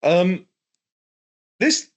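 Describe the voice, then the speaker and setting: A young man co-hosting a casual sports podcast, hesitant and quick to laugh. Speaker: co-host.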